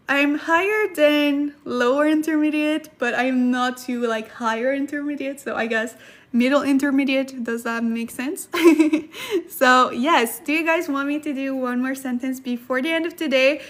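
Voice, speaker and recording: Running a laid-back language study livestream, this woman speaks in an unhurried, high voice with a fairly bright tone. She reads viewer comments, laughs in a giggly way, and says things twice to drive a point home.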